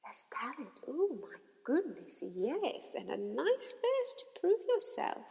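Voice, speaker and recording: A woman voicing an old magical talking hat that muses in slow hushed whispers and bellows its verdicts. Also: high-pitched, wildly swooping pitch, vocal fry, pitched above the performer's own voice, full character voice. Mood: musing. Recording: long hall reverb.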